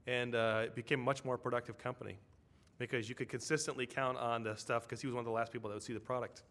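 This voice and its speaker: Man of medium pitch preaching casually, telling stories and checking in with the congregation. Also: flat delivery, fast, fairly bright tone. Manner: storytelling, with tag questions to the congregation. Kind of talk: conversational sermon.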